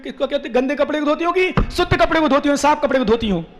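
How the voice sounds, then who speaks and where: High-voiced monk preaching in an echoey hall. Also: male voice. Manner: quick-talking, questions the audience, teasing. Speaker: Jain monk. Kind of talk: sermon.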